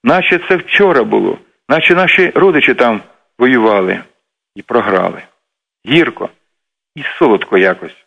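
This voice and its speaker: A man's voice: medium pitch, fairly bright tone. A man hosting a radio program, giving an earnest, emotive scripted reading. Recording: dull lo-fi radio recording.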